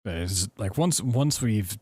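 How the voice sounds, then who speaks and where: A man's voice: fairly low pitch, animated, measured pace, darkish tone, breathy edge, dry recording, studio quality. A man giving casual speedrun commentary, informally thinking aloud as he plays. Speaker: speedrunner, game streamer.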